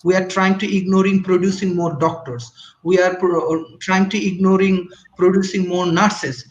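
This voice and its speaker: A man's voice: high-pitched, little pitch movement, moderate pace, roomy sound, muffled recording. A man from Bangladesh speaking on an online panel discussion, hesitant, with many restarts and fillers. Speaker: panel guest.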